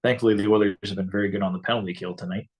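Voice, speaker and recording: Relaxed low-voiced man co-hosting a stream. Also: rapid-fire. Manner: relaxed, chatty, reads out viewer comments. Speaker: co-host of a fan game-watch stream. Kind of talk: casual live game chat.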